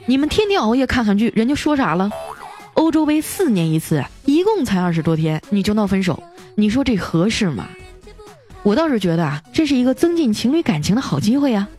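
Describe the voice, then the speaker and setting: A woman hosting a radio show, telling comic jokes in an animated storytelling way and playfully acting out the people in her stories. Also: medium pitch, fairly quick, soft background music.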